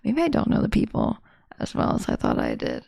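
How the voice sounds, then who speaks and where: A woman's voice: a bass voice, wildly swooping pitch, a little fast, creaky, darkish tone. A bubbly woman streamer chatting casually and self-mockingly through a live game playthrough.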